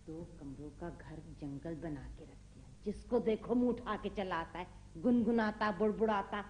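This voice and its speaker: An actress playing a sarcastic, sharp-tongued middle-aged mother who scolds her family. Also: fairly low pitch, normal speed, a little hiss or hum, lightly acted. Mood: scolding. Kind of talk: TV drama acting.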